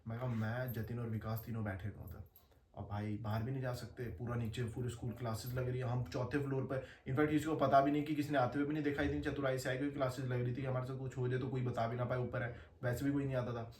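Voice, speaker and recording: A young man telling a story in casual, slangy chat, animated and laughing as he goes. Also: medium pitch, fast talker, far from the mic. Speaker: podcast guest storyteller. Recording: echoey room, faint ambience.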